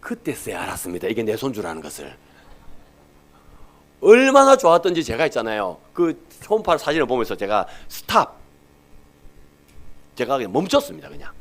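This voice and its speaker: Lively middle-aged pastor preaching. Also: male voice, mid-range voice. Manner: animated, swings from soft to loud, playful baby talk in quotes. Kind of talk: sermon with personal storytelling.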